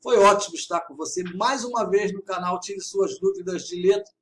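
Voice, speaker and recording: A man with a fairly high voice teaches poetry in a video lesson. He explains patiently and stresses syllables as he reads verse aloud. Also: a little fast, a bit bright. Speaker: literature teacher.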